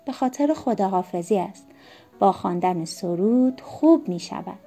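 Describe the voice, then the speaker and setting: A woman's voice: mid-range voice, lively intonation, mellow, soft background music, lightly acted. A woman voicing a kind, cheerful father in a storybook reading. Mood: reassuring.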